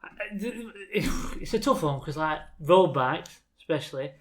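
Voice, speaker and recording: A man's voice: fairly high pitch, animated, slow pace. A man chatting as a podcast guest, easygoing and rambling, full of "like". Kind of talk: casual chat.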